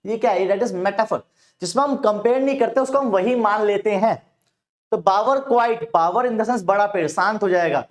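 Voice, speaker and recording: A man's voice: high-pitched, moderate pace. A man with an Indian accent teaching English poetry in a Hindi-English mix, asking questions and answering them himself. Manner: calls students "bhaiya". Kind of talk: Hinglish exam-prep lecture.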